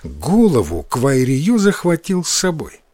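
A man narrating a folk tale in a scripted, expressive storytelling manner. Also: fairly high pitch, unhurried, no echo, studio quality.

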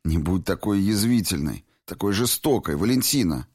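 Audiobook: male reader as an evasive young man, low and hesitant. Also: lively intonation, normal speed, darkish tone, husky. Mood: subdued. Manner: subdued, hesitant replies. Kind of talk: audiobook reading.

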